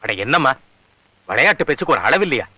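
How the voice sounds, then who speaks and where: A man's voice: on the high side, big pitch swings, fast talker, pushed and bright, slightly rough, dry recording, heavily acted. An actor playing an older village father who is hospitable and coaxing yet worried, in a 1980s film drama. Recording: dull lo-fi film soundtrack.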